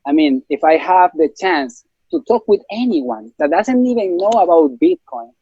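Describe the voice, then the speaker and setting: A man's voice: on the high side, very animated, moderate pace, husky, no room sound, dull audio. A man from Ecuador with a Spanish accent, speaking casually as an interview guest with many fillers and restarts.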